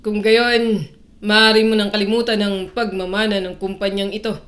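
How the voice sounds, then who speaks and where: A woman's voice: mid-range voice, level tone, a bit bright, close to an everyday voice. Woman voicing a cold, stern rich father. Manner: cold, measured, slow. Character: stern cold wealthy father, older man.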